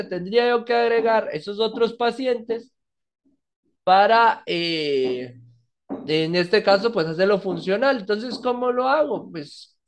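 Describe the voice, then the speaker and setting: A man teaching a database lesson over a screen recording, walking through each step and often checking in with "¿verdad?". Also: sits high. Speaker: database instructor. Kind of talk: screen-recorded coding tutorial.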